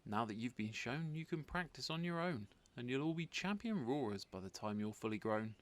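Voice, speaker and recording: A man's voice: medium pitch, lively intonation, normal speed, lightly acted. A man voicing a bossy but encouraging female dragon schoolteacher in a storybook, with a commanding, declamatory manner. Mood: instructing.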